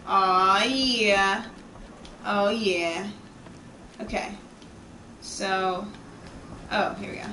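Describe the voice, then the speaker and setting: A woman's voice: mid-range voice, fairly even intonation, drawn-out words, pauses often, bright, forceful tone. A woman streamer joking and swearing as she plays a video game on a livestream. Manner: profane, playful, joking. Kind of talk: casual gameplay commentary. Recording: echoey, distant, noisy.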